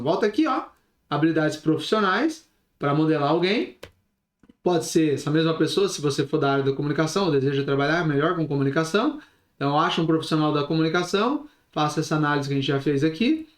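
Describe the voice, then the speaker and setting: Lively man teaching, echoey room. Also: on the high side. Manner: lively, shifts pace and volume on purpose, asks listeners questions. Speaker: instructor. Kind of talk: recorded online lesson.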